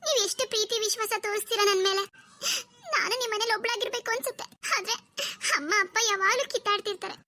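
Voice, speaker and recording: Anxious young cartoon girl, voiced by a woman, stammering and pleading, very high. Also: fairly even intonation, fast talker, pushed and bright. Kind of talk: cartoon voice acting.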